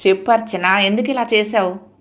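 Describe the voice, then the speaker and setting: A strong-willed young woman from an audio novel who will not let her friend go. She coaxes her and then turns sharp and sarcastic, voiced by the woman narrating. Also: mid-range voice, fairly even intonation, brisk, lightly acted. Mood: sarcastic, scolding. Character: firm, caring young woman, cousin and friend.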